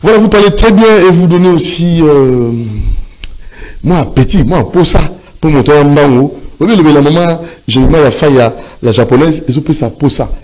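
A man's voice: a little high, moderate pace, a little mellow, rough recording. A man, hosting an interview and speaking hesitantly with many fillers. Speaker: interview host.

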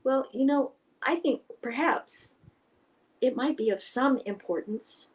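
A woman's voice: high-pitched, slow, slightly rough, heavily acted, rough recording. A woman doing a timid little fish. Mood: meek. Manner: meek, hesitant, hushed.

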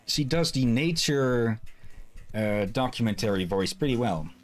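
A middle-aged man giving casual live game commentary, thinking aloud in a halting way as he plays. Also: medium pitch, expressive, faint music behind. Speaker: game streamer. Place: small cluttered room at home. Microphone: headset.

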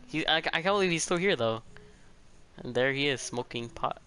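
A man's voice: on the high side, expressive, moderate pace, sharp tone, clean tone. A man giving casual, exclamatory gameplay commentary as a streamer, chatting and reacting to what happens. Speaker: video game streamer. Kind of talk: casual gameplay commentary with dialogue read aloud.

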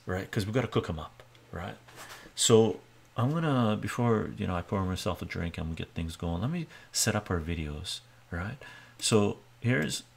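An older man chats softly in his kitchen in front of a webcam, his low voice carrying a gravelly edge. He is a relaxed live streamer who answers viewers one by one and keeps checking in with "right?". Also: a little hiss or hum. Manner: relaxed, reads viewer comments aloud, often tags on "right?". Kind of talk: soft-spoken casual live-stream chat. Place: home kitchen, indoors. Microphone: webcam framing at the counter.

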